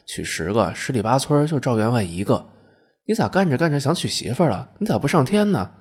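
A man's voice: mid-range voice, big pitch swings, quick pace, breathy edge, pitched above the performer's own voice. A man voicing a brawny laborer in his forties who talks in a coarse, blunt way and swears freely. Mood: scoffing.

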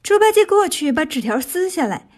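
Storyteller, woman, high voice, lively and expressive children's narration. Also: a little fast.

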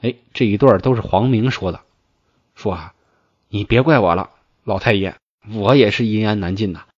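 A man reading a classical novel aloud and explaining it in colloquial speech, with lively, folksy asides. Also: on the low side, moderate pace, no room sound. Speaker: storyteller. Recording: dull, dry lo-fi recording.

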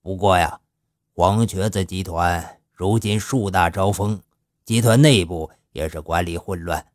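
A male storyteller voicing a shrewd older gang leader who speaks slowly and with fatherly authority. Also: deep voice, no room sound, studio quality. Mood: advising. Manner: slow, measured, fatherly.

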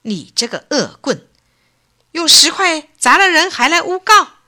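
A woman voicing a greedy, fickle male prince who takes bribes, shouting in a pompous, bossy way. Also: high-pitched, sing-song, unhurried, voice pushed up, heavily acted. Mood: scolding.

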